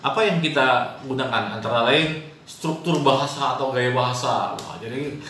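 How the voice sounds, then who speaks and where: A man's voice: mid-range voice, normal speed, a bit bright. A man teaching hypnosis in a casual spoken lesson, explaining with homely examples and often tagging his sentences with a questioning "ya". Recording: very echoey room, faint noise.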